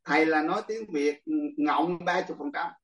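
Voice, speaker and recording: A man's voice: on the high side, brisk, a bit bright. An older man, a monk, teaching a class in casual, chatty talk, often laughing and speaking straight to his students. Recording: echoey room, far from the mic.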